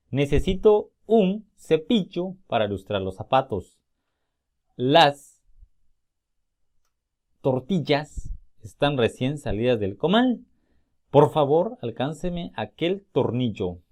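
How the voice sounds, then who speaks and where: A man's voice: medium pitch, a little mellow. Man, teacher, step-by-step explanations, recorded class. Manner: explains step by step, slowly sounding out example words. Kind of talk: recorded spelling and grammar lesson.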